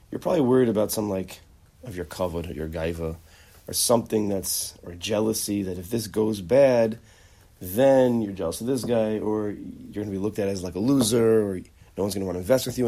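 A man's voice: fairly low pitch, vocal fry, dark tone, slightly rough. A man teaching a conversational lecture on character traits, acting out bits of dialogue and often restarting his sentences. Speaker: Torah teacher.

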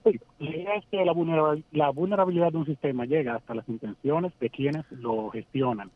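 Man, radio call-in, glitching cut-out phone audio, measured and halting. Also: fairly high pitch, no echo. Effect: glitching, cutting-out phone line. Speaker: caller to a radio talk show. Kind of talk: call-in comment. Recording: tinny phone line on speakerphone.

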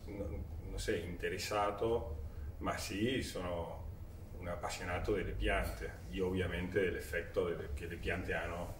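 A man in his forties, a native Spanish speaker with an Argentine accent, talking casually as an interview guest, haltingly searching for words and switching between languages. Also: sits low, fairly even intonation. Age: 40s. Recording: roomy echo, distant mic, faint noise.

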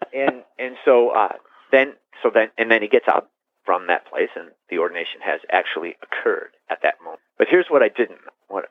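A middle-aged man, a priest, telling his story in an interview, rambling and animated, restarting sentences and laughing. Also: lowish voice, no room sound. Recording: tinny phone-line sound.

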